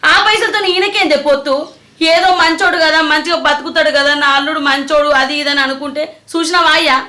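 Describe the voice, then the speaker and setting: A grieving, protective village mother with a Telangana accent speaks quickly, played by a middle-aged woman. Her voice sits high and bright. She laments and protests in plain rural speech. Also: fairly even intonation. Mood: lamenting. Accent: Telangana Telugu. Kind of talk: village short film acting.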